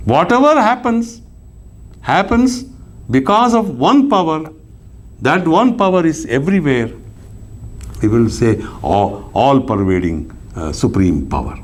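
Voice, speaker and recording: Lively, animated man lecturing on philosophy. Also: measured pace. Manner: rhetorical questions, answering them himself; swings between raised emphatic lines and low soft asides. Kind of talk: lecture on scripture.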